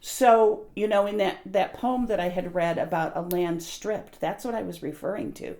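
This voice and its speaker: A woman's voice: mid-range voice, normal speed, darkish tone. An American woman telling stories in casual conversation, earnest and emphatic. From United States.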